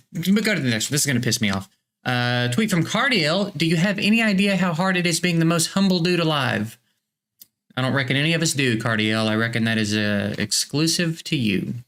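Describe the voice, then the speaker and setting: A man's voice: mid-range voice, a bit bright. A man hosting a comedy show, reading fake tweets aloud in a bemused way with stammering restarts.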